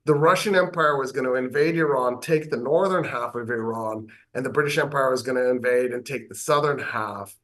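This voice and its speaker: American male professor, lively lecturer, dry humor, mid-pitch voice. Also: a little fast, hardly any pauses. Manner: animated lecturing with wry asides. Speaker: professor of government. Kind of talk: interview explaining history.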